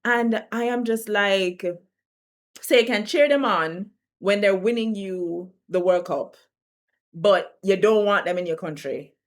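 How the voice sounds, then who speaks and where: A woman from the Caribbean talking candidly to camera in a reflective vlog, animated and laughing between her thoughts. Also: medium pitch, a little slow. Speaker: vlogger.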